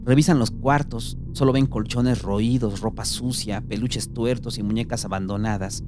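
A man's voice: medium pitch, fairly even intonation, moderate pace, over music. A man with a Mexican accent reading a gritty, slang-heavy story aloud. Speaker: narrator.

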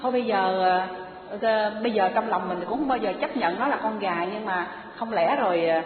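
A woman's voice: medium pitch, brisk, crowd noise, lightly acted. A woman doing a bossy young husband. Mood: exasperated. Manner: domineering, shouting. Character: newlywed young husband, bossy then exasperated. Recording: echoey hall over a tinny phone-like line.

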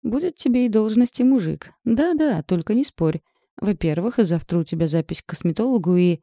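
A brash young masseuse friend, voiced by a woman reader in an audiobook, teasing and bossing her friend about. Her tone is dark and mellow, set in a dry, close space. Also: lowish voice, fairly quick, no echo, lightly acted. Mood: bossy. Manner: bossy, teasing, blunt.

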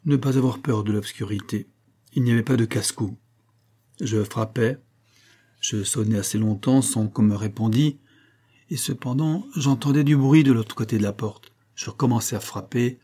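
A man reads a classic novel aloud in calm, measured narration. His voice is mellow and warm, sitting at an ordinary middle pitch. The delivery is steady and literary, suited to an audiobook. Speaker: audiobook reader.

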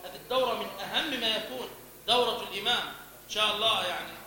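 In an echoey hall with a crowd in the background, a man teaches how to pronounce the call to prayer, chanting and repeating syllables to demonstrate sounds. He teaches the call to prayer and Quran recitation, and his voice sits high and moves very fast.

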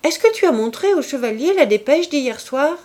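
A woman's voice: high voice, steady tone, moderate pace, pitched above the performer's own voice, close to an everyday voice. A woman reading a novel aloud, voicing an imperious, playful young woman who gives commands. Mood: commanding. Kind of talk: audiobook reading.

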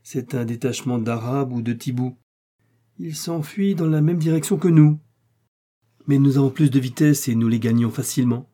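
A man's voice: mid-range voice, normal speed, mellow, natural voice. A man voicing a resolute male explorer doctor. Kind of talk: audiobook character reading.

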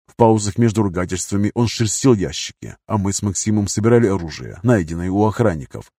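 A man narrates a first-person action audiobook in a tense, punchy style, putting force into the dialogue. His voice is on the low side, fast and mellow, captured in a dry, clean studio recording.

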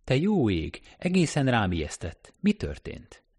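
A man voicing an elegant young woman in an audiobook reading, softer and surprised. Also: on the low side, expressive, slightly rough. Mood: alarmed.

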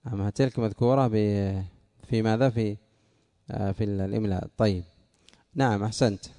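A man's voice: on the low side, steady tone, fairly quick, dark tone. A man teaching a classroom lesson, explaining rules step by step and quizzing his students with questions. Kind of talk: classroom lesson on Arabic morphology.

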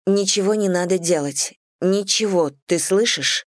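Woman reads a headstrong young woman, pitched up, insistent and agitated. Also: a little slow, close to an everyday voice. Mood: impatient. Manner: higher, agitated, insistent delivery. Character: young woman, tense, impatient, stubborn.

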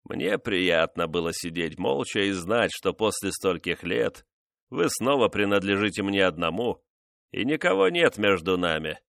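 A man voicing a cruel, vengeful nobleman who mocks his wife in a slow, menacing way. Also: sits low, animated, vocal fry, a bit bright, dry recording, clean studio sound, full character voice. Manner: mocking, menacing, measured.

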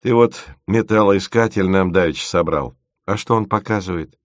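A man's voice: deep voice, normal speed, no room sound, studio quality, natural voice. A man voicing a bossy, motherly woman who leads an expedition and dotes on her team. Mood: bossy, doting.

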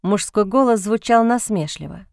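A woman reading a romance novel aloud in an expressive, dramatic audiobook narration. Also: medium pitch, moderate pace, vocal fry, no echo, clean studio sound.

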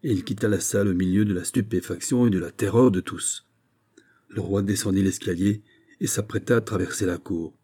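A man reading a classic novel aloud as an audiobook narrator, in a measured, steady way. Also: fairly low pitch, slightly rough. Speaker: audiobook reader. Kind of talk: scripted narration.

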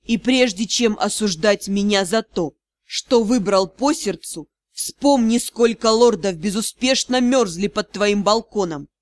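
A cold, commanding nobleman, voiced by a woman reading a storybook, pitched well below her own voice. He speaks with icy, unhurried politeness and never raises his voice. The sound is dry and close. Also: expressive, dry recording, lightly acted. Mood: icy polite. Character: cold, commanding aristocratic lord, a male academy director. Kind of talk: audiobook character voice.

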